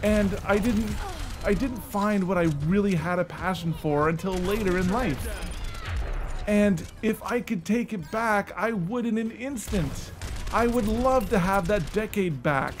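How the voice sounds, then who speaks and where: High-voiced man on a weary back-in-my-day rant. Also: unhurried. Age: 30s. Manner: emphatic repetition for stress. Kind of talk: casual off-the-cuff rant.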